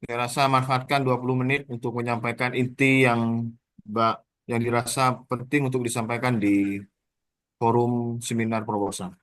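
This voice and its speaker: A man moderating a formal online thesis exam, orderly and steady, pausing with "eh" now and then. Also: mid-range voice, no echo. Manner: orderly, formal, with frequent "eh" pauses. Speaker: thesis examiner. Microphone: video call.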